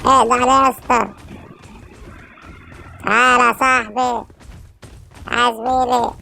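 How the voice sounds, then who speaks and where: An Egyptian woman streaming a shooter game, her raised voice strongly gravelly and fried. She talks in a bright, forceful tone, excitedly pushing her squad forward and shouting calls. Light background noise sits under her voice. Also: on the high side, normal speed. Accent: Egyptian Arabic. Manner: excited, urging teammates, frequent shouted calls. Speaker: gamer streamer. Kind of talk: live gameplay commentary.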